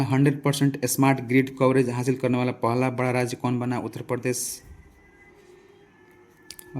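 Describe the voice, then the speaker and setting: Here a man's voice sits at medium pitch with a slightly mellow quality, carrying a Bihari Hindi accent. In a relaxed exam-prep lesson he quizzes the class, then answers his own questions and repeats them in a conversational manner.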